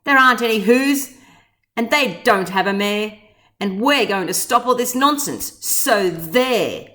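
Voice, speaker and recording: A woman reading a storybook aloud, voicing rowdy, mocking monkey brothers who shout. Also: mid-range voice, animated, unhurried.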